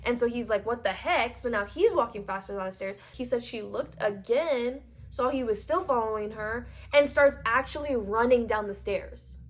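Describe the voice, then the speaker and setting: A woman in her twenties telling a storytime vlog, chatty and animated, full of fillers, acting out what people said. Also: fairly high pitch, normal speed, hardly any pauses. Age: 20s. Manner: chatty and animated, lots of "like", voices quoted people. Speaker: vlogger. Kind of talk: storytime vlog, casual retelling.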